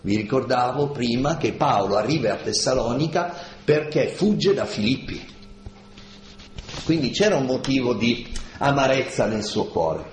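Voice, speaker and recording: A man giving a slow, deliberate lecture on scripture, stressing key words and asking rhetorical questions. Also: medium pitch, animated, soft background music. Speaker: lecturer on Paul's letters. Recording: echoey room with faint ambience.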